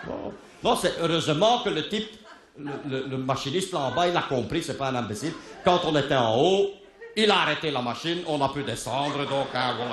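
Guy telling a funny story, high voice, swoops up and down a lot, keeps laughing and yelling out bits, echoey room. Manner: animated, laughing, shouts and mimics people in the story. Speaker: comedian. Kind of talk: comic storytelling monologue.

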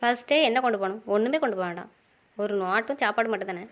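A woman's voice: medium pitch, rapid-fire. A woman in a romantic audio drama, answering back in a stubborn, pouting, playful way.

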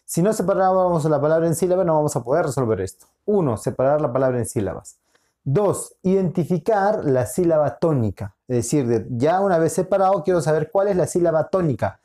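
With a warm, mellow voice on the high side, a school teacher leads a recorded lesson. He explains patiently and stretches his words, going over each point again and pausing to ask brief check-in questions.

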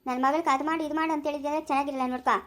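A woman, playing a bossy, sharp-tongued village mother in a home-made family drama. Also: high voice, fairly even intonation, racing. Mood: scolding. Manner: scolding, bossy.

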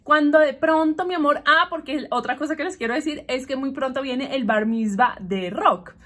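A woman's voice: high voice, moderate pace, a bit bright. Chatty woman recapping a show. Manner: chatty, gossipy, keeps saying "mi amor". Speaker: vlogger. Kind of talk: casual TV recap while doing makeup.

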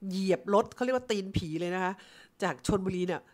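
A woman's voice: medium pitch, quick pace. A middle-aged woman from Thailand telling a personal story and acting out both sides of the conversation. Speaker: insurance agent team leader. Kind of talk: storytelling talk.

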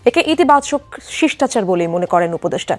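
A woman news anchor reading headlines and reports in a measured, formal way. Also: medium pitch, sing-song, dry recording, faint music behind.

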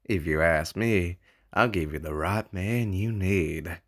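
A man voicing a suave, smug demon gentleman in a drawling, theatrical way for an amateur comic dub. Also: low voice, slow pace. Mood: smug, flirtatious.

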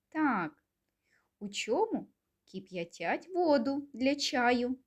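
A woman kindergarten teacher leads a speech lesson for little children, her pitch rising and falling in a lively, singsong way. She speaks slowly and gently, asking coaxing questions and leaving pauses for the children to answer.

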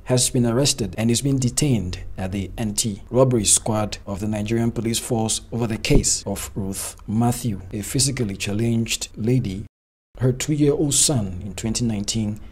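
A man reading a news report in a steady, formal way. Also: on the low side, normal speed, breathy edge. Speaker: news narrator. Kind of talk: scripted news narration.

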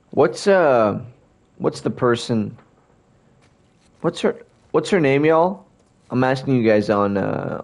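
A man's voice: medium pitch, vocal fry, a little mellow. A young man chatting casually to his viewers during a game stream, rambling and hiccuping as he talks. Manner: rambling, talks to chat, keeps hiccuping and burping. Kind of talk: casual livestream chat while gaming.

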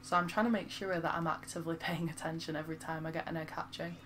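A woman with a Lancashire accent talks through a game stream in a loose, chatty way, poking fun at herself and answering her viewers. Her voice sits a little low for a woman. A faint hum of background noise stays behind her. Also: level tone, fast, a bit bright. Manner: chatty and self-mocking, reads viewer comments aloud. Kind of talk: casual live-stream chat.

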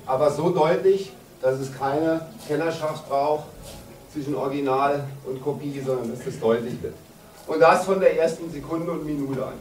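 A man in his fifties, a handball coach giving an emphatic, deliberate pre-game team talk with pauses for effect in a locker room. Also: a little high, soft background music. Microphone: camera a few metres away. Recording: roomy, distant camera mic, background noise.

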